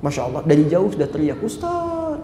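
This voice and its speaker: A male preacher delivers a lively sermon at a fast clip, calling out to his listeners as sir and madam and slipping into quoted prayers and dialogues. His voice sits a little high. It rings through a reverberant hall over faint ambient noise. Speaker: Islamic preacher. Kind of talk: sermon to a live audience.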